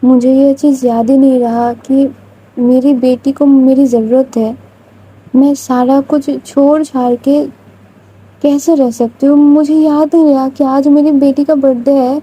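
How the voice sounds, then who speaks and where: A woman's voice: sits high, flat delivery, dark tone, lightly acted, low-quality recording. A woman voicing a remorseful young mother who speaks tenderly while reproaching herself.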